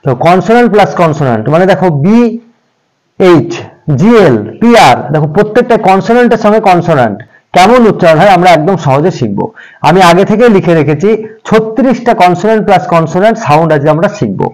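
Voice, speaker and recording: Male tutor, fairly high voice with very animated pitch, patient and repetitive delivery for beginners. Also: rough recording. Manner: patient, addresses viewers as friends, repeats examples slowly. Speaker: English teacher. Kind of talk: pronunciation lesson for beginners.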